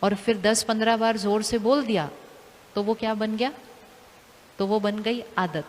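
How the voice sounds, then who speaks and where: Calm woman teaching in a reverberant hall. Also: mid-range voice, measured pace. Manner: calm, repeats questions to the audience. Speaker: spiritual teacher. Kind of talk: spiritual talk to an audience. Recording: long hall reverb, faint hiss.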